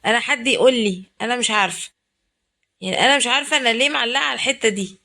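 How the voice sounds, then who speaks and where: In her home kitchen, a cooking vlogger with an Egyptian Arabic accent narrates a casual video, chatting and exclaiming straight to her viewers. Her slightly high voice comes out rapid-fire, creaky, bright and forceful.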